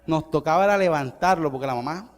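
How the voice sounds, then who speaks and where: A middle-aged male pastor, preaching an evangelistic sermon. He swings from loud, rising declarations to soft, conversational asides. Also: a little high, fast. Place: church hall. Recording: long church hall reverb.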